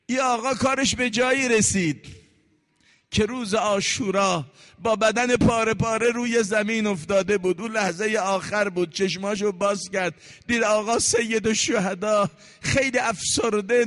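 Impassioned high-voiced male preacher. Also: fairly even intonation. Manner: impassioned, swings between hushed and loud, chants poetry slowly. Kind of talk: religious sermon with storytelling and chanted verse. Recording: long reverb in a large hall.

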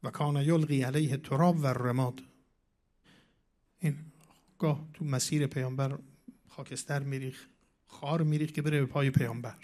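A man giving a sermon, reciting scripture in a measured way and swinging between loud declaiming and hushed asides. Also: medium pitch, steady tone. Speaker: preacher.

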